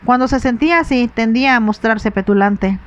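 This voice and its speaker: A woman reading a novel aloud in soft, measured whispered role-play narration. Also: a little high, muffled recording. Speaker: audiobook reader.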